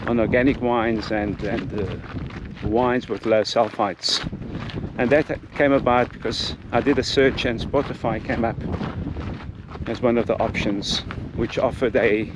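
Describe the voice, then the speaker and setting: A man's voice: mid-range voice, steady tone, unhurried. A man talking casually and earnestly as a vlog host on a hike, often repeating his phrases. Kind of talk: casual vlog talk while hiking. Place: outdoors on a walking trail. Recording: noisy outdoor recording. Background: clear outdoor ambient noise.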